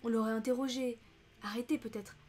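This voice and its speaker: A woman's voice: fairly high pitch, fairly even intonation, fairly quick, darkish tone, close to an everyday voice. A woman voicing a proud, protective count who pleads earnestly and indignantly in an audiobook reading.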